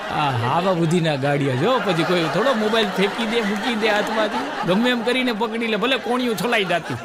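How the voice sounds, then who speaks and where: A man telling jokes on stage, quick rural punchlines, jumping in pitch for the characters he quotes. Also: a loud crowd, very noisy. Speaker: stand-up joke teller. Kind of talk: comic storytelling.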